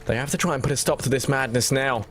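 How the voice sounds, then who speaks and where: A man's voice: mid-range voice, fast, a bit bright, a little hiss or hum. A man working as an esports caster, giving flowing, dramatic play-by-play commentary on a shooter match with colourful flourishes.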